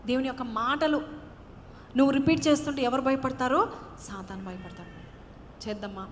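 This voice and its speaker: A woman pastor preaches with a fairly high voice, dropping English phrases in among her lines and climbing to loud, ringing declarations. A long reverb from the hall trails her words, over a faint background hiss. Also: normal speed. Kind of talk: sermon.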